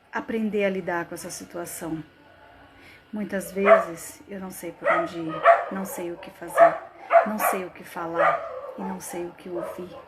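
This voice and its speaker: An anxious woman tormented by panic attacks, put on by a woman in her own voice, asks herself halting, pleading questions. Her voice sits at an ordinary middle pitch. A steady noise runs under the recording. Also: close to an everyday voice. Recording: noisy live-stream audio.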